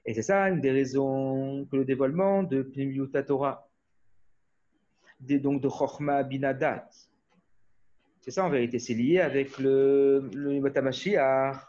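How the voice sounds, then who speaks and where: A man's voice: mid-range voice, fairly even intonation, unhurried, dark tone. A man born in Australia giving an informal Torah class over a video call, rambling with many restarts and checking in with his listeners. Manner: rambling, restarts often, asks "hmm?" of listeners. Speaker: Torah teacher. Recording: muffled video call audio.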